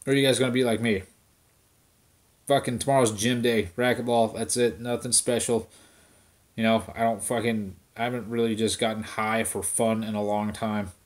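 A man's voice: on the low side, steady tone, moderate pace. Stoned man ranting, heavy swearing. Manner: profane, rambling, addressing viewers directly. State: stoned, relaxed. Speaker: vlogger. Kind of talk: casual rant to camera.

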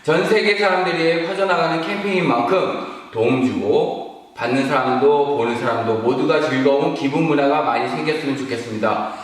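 Formal male speaker, slightly high voice, prepared announcement, long reverb. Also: steady tone, moderate pace. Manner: polite, formal. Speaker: entertainment company head. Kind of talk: prepared video message to camera. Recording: very echoey, distant mic.

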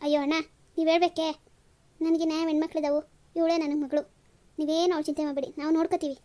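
A woman's voice: high voice, level tone, very fast, warm tone, natural voice. A woman voicing an older village mother-in-law in a cartoon, soothing and reassuring.

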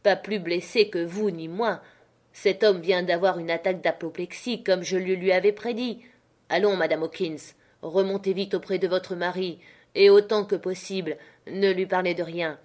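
A woman voicing a calm, brisk male country doctor who speaks in a matter-of-fact, dismissive way. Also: fairly low pitch, lightly acted.

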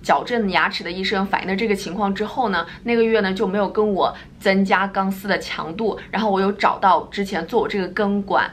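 A young woman speaking with braces on, calmly explaining her own experience in a casual personal vlog. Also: medium pitch, a little fast, few pauses, a little hiss or hum. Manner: calm, explanatory, frequent filler particles. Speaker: vlogger. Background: music in the background.

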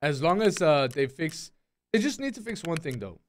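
A man's voice: on the high side, big pitch swings, normal speed, slight background noise. A young man live-streaming a game, chatting casually and greeting his chat one by one in a laid-back way.

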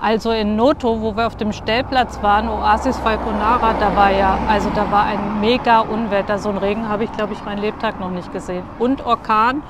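An older woman chats about a trip in a relaxed, everyday way, adding details and small corrections. She is outdoors on a bridge, filmed at arm's length. Street traffic is clearly audible. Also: mid-range voice, a little fast, hardly any pauses. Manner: adds details and corrections to her partner. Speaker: travel vlogger. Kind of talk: casual travel chat. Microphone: selfie camera at arm's length. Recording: outdoor noise, traffic behind.

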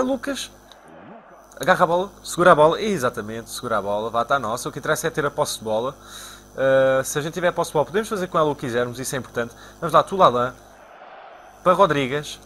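A young man from Portugal with a European Portuguese accent, commentating his own football video game live and shouting at his players. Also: a little hiss or hum. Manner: excitable, shouts at players and spikes into high-pitched cries. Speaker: gaming YouTuber.

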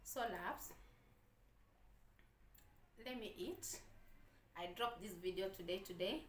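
A woman's voice: medium pitch, takes it slowly, roomy sound, slight background noise. Woman vlogging while eating. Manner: talks with food in her mouth, affectionate asides to viewers. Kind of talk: casual chat while eating. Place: home room.

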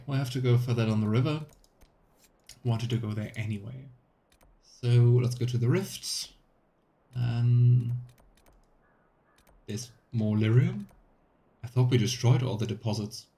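A let's play streamer in his thirties, with a warm, medium-pitched voice, gives casual game commentary while musing aloud to himself. Video game ambience plays behind his voice.

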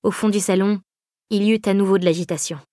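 This is scripted narration from a woman voicing an audiobook, telling the novel's story at an even, unhurried pace. Her pitch is mid-range, captured dry with clean studio sound.

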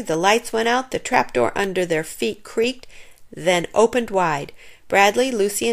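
A woman reading a children's chapter book aloud in an expressive storytelling manner. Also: medium pitch, gravelly.

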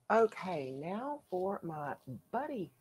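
Slow, low-voiced woman chatting casually. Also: mellow, slightly rough, no room sound. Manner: chatty, halting with fillers. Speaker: coloring channel host. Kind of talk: casual show-and-tell.

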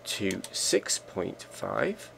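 A man narrating a software screencast tutorial, calmly giving slow step-by-step commands. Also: on the low side, vocal fry, a little hiss or hum. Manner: slow, measured, instructional commands.

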